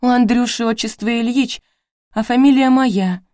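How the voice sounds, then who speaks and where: A woman's voice: moderate pace, warm tone, no echo, clean studio sound, close to an everyday voice. Woman putting on a sobbing, distraught young widow. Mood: tearful, desperate. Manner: sobbing, pleading, high and strained.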